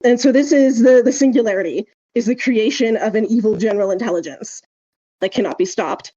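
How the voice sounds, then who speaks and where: Fairly high but very mellow and soft-edged, this woman's voice also carries a brisk, breathy edge as she hosts a podcast. She explains things casually and emphatically, hedging with frequent "like" and "right?". The sound quality is slightly dull and lo-fi.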